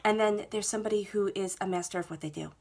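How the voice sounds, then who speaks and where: Her voice medium in pitch and a little mellow, this woman talks quickly while giving a monthly tarot reading to camera. She has a head cold and sits indoors at a table with the cards laid out, reassuring the viewer in a soothing way and frequently asking "okay?".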